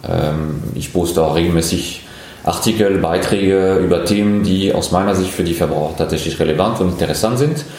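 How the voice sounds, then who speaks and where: A man in his forties from France, speaking German with a French accent, answering interview questions as a startup founder with thoughtful pauses. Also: sits low, a little mellow, very echoey. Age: 40s. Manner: thoughtful, many pauses and fillers.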